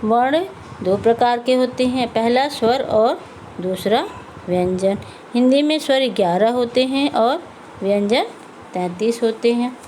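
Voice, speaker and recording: A woman with a fairly high voice teaches a lesson to young children. She goes slowly and patiently, repeats each word and asks and answers her own questions. A faint hiss sits under the recording. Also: darkish tone, poor audio. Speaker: primary school Hindi teacher.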